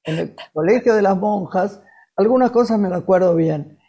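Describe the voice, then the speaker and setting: An older woman with a Rioplatense accent and an unusually deep voice, a guest telling lively anecdotes about her childhood. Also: normal speed, husky. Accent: Rioplatense Spanish. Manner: lively anecdotes told with laughs. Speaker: guest, actress. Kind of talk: casual storytelling.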